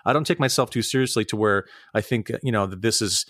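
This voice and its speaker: A man's voice: on the low side, quick pace, a bit bright, no room sound. A man who works as a voice actor, chatting casually as an interview guest. He is earnest and self-deprecating, and often restarts his sentences. The sound is dry and close.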